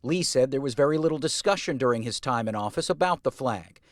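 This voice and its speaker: A man's voice: mid-range voice, expressive, fairly quick. A man reading scripted news narration as a TV reporter.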